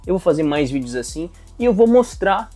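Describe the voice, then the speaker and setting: An aspiring actor from Brazil, a young man with a high-sitting voice, vlogs casually to camera about his acting campaign. He talks briskly in animated, profane venting packed with slang, with soft music behind him.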